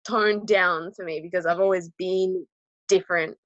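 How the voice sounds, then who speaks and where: This young adult Australian woman is a guest on a casual interview, a powerlifter who is also a university student. She speaks in a lowish, fairly even voice at a moderate pace, hesitating with many fillers and laughing easily. The recording is dry and lo-fi.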